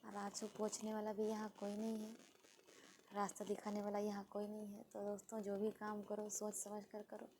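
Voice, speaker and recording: A woman's voice: mid-range voice, completely flat delivery, moderate pace, mellow, low-quality recording. A woman from India speaking in a sad, pleading personal vlog, repeating her words as she appeals to her viewers. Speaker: vlogger. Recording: faint background noise.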